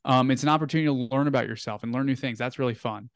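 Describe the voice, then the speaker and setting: A man's voice: medium pitch, racing, clear, resonant tone, dry recording, clean studio sound. A young man telling a story as an interview guest, casual and rambling, full of "like" and "um". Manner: rambling, filler-heavy, "like" and "um" often.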